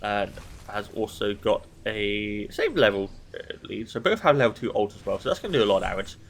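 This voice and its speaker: A lowish, animated male voice moves a little fast over slight background noise. The speaker, nasal from hay fever, gives casual solo analysis of a recorded esports match while thinking aloud.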